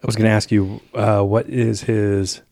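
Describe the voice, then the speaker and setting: A man's voice: fairly low pitch, level tone, moderate pace, gravelly, dark tone, dry recording, clean studio sound. A man co-hosting a casual podcast, joking and laughing a lot. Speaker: podcast co-host. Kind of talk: casual chat.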